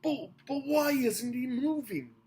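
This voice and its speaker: A man's voice: extremely high pitch, slow, a little mellow, slight background noise, voice pushed up, rough recording. A man doing a wide-eyed alien girl. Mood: wondering.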